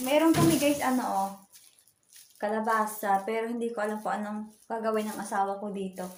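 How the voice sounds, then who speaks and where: A woman from the Philippines chatting casually in a rambling family vlog from her home kitchen, full of fillers. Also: a little high. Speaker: vlogger. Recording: echoey room with noise.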